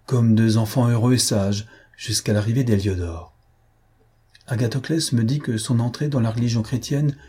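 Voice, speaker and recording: A man narrating a classic novel aloud as an audiobook reader, in an even, literary storytelling manner. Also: on the low side, breathy edge.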